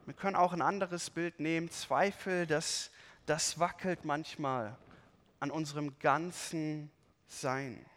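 A man preaching a sermon, reading scripture aloud and explaining it with lively, expressive emphasis. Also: a little high, takes it slowly, in a large hall.

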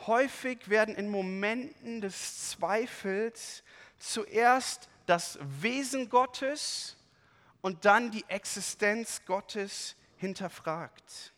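Guy preaching a sermon, high voice, slow and emphatic, lots of hall reverb. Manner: expressive, animated Bible reading and preaching.

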